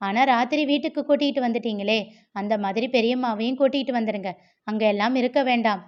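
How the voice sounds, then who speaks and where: A woman voicing a gentle but firm young mother in a read-aloud novel, earnest and persuasive, on a slightly dull recording. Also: on the high side, fast, natural voice. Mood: soothing. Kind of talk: storybook character reading.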